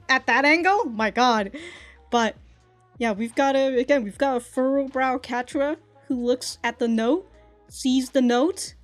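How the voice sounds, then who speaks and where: Woman, reaction host, higher voice, loose rambling commentary full of restarts and laughs.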